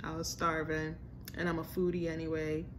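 Her voice sits low and her delivery is completely flat, at a moderate pace, with slight background noise. She's a young adult American food vlogger chatting informally and slangily to camera about a restaurant, inside a home room with a staircase.

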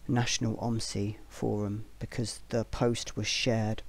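A man's voice: fairly low pitch, flat delivery, a little slow, vocal fry. A man talking casually to his viewers, rambling with fillers and restarts, earnest and at times sarcastic. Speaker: video commentator. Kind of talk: casual spoken commentary to viewers.

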